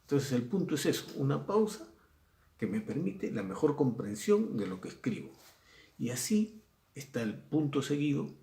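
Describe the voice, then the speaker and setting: Gravelly Peruvian male teacher, echoey room. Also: mid-range voice, very animated, moderate pace, warm tone. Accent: Peruvian Spanish. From Peru. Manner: conversational, repeats himself, acts out examples. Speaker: secondary school language teacher. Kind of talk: recorded class lesson.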